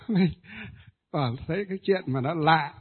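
A man's voice: a little high, slightly rough. Hesitant man telling a ghost tale, phone-tinny. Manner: hesitant, many filler pauses. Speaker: Buddhist ritual master.

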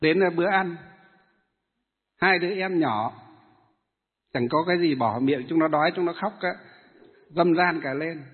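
A Buddhist monk delivers a dharma talk, putting questions to his listeners and answering them himself. His voice is husky and sits fairly high for a man. The sound is tinny and phone-like, with long reverb trailing off the hall. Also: measured pace, pauses often. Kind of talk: dharma talk to lay followers.

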